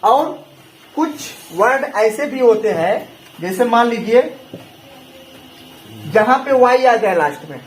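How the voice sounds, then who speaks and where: A man's voice: extremely high pitch, animated, takes it slowly, pauses often. A man teaching a class, quizzing his students with the same question over and over. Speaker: English teacher. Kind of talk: classroom lesson with call-and-response. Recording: echoey room with faint noise.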